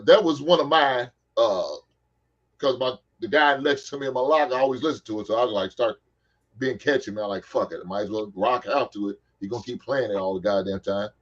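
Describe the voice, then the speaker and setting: A man's voice: medium pitch, brisk, lo-fi sound. A man in his forties from the Bay Area, hosting a casual sports chat, joking and swearing freely. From San Francisco Bay Area. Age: 40s. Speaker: podcast host.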